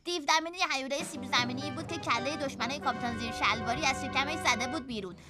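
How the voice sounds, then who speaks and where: A woman's voice: sits high, lightly acted. A woman dubbing a cheerful cartoon schoolboy who tells a silly adventure story. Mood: excited telling. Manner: lively storytelling, mock accents in quotes. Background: background music.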